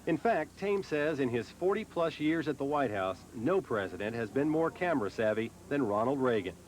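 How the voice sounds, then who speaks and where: A man reading scripted news narration in a measured, mid-pitched voice. He delivers the report as a correspondent. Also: expressive, a little hiss or hum, low-quality recording.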